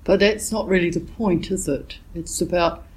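A woman meditation teacher giving a dharma talk while she has a cold, reflective and gently searching for her words. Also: lowish voice, steady tone, husky, rough recording. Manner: reflective, unhurried, gently searching for words with frequent "yeah" and "you know". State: has a cold, voice a bit thick.

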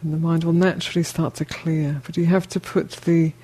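Guiding a meditation, a woman speaks gently and without hurry, using short phrases broken up by long pauses. Her voice is low-pitched and husky, with little movement in pitch.

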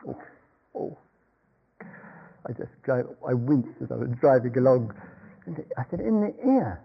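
A man's voice: medium pitch, steady tone, unhurried, creaky, a little hiss or hum. An older man giving a meditation talk, rambling through an anecdote with chuckles and restarts. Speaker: meditation teacher. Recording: dull lo-fi talk recording.

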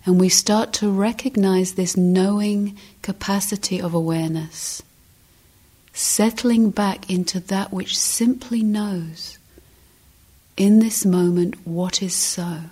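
A woman with a mid-range voice, steady tone, and a breathy edge guides listeners through meditation. Her short phrases come gently and deliberately, with long pauses between them.

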